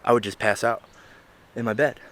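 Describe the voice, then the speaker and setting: A man's voice: medium pitch, fairly even intonation, moderate pace. A young man telling his own story in a candid, rambling vlog, swearing and often checking in with "right?". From Illinois. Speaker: vlogger. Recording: faint music behind. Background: faint background music.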